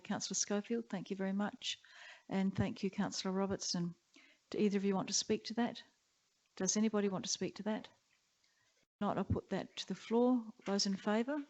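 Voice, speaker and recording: A woman chairing a council meeting, running through motions and votes in a brisk, procedural way. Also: medium pitch, level tone, a little mellow. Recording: dull muffled council chamber audio.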